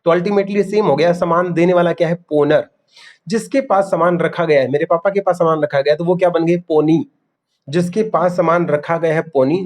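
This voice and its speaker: High-voiced male teacher quizzing students. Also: a little mellow. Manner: calls students "beta", quizzes them for quick answers; repeats key terms and numbers for drilling. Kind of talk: online class lecture.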